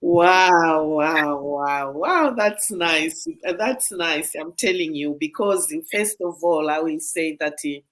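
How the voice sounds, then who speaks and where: A woman's voice: low voice, takes it slowly, hardly any pauses, a bit bright. A woman hosting an interview, affirming and echoing her guest's words. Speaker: host. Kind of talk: conversational interview.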